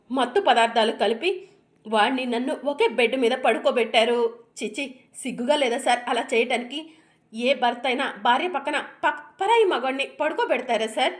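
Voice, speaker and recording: A woman's voice: sits high, a little fast, close to an everyday voice. A woman voicing a wronged young wife who reproaches her husband, ending her questions with "sir". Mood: tearful, reproachful.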